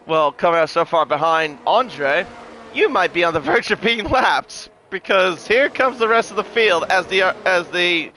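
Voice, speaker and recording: A man commentating live on a motor race as a motorsport commentator, excitable on the action and chatty in between. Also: high voice, moderate pace, a little hiss or hum. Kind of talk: live sim racing play-by-play commentary.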